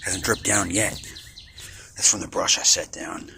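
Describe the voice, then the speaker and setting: Low gravelly young man rambling outdoors. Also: steady tone, measured pace, noisy background. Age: 20s. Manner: offhand, mumbling asides, swears casually. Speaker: vlogger. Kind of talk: casual rambling commentary while working. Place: outdoors in a backyard under a roof.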